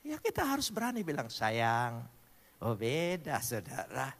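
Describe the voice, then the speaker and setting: A male pastor preaching a joking sermon, spelling out words letter by letter and swinging between loud declarations and low asides. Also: wildly swooping pitch, normal speed, creaky, long reverb tail.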